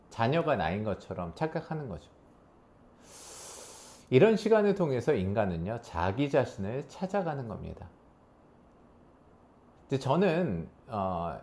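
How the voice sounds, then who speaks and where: A man lecturing an audience as a coach, his voice swinging up and down in lively pitch. He talks in a middle range and keeps it animated, slipping into quoted voices now and then. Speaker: coach giving a talk on relationships.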